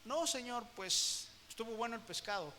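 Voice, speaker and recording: A guilty, hesitant Peter, played by a pastor mumbles his answers quietly, stumbling and repeating himself. The voice is high and very bright. A long reverb rings around it. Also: animated, moderate pace, a little hiss or hum, exaggerated voice. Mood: evasive. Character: ashamed hesitant Peter with downcast eyes.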